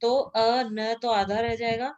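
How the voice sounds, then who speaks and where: A woman's voice: on the high side, fairly even intonation, slow, darkish tone, highs cut off. A woman teaching a grammar lesson to a class, patiently repeating sounds aloud and checking that students follow.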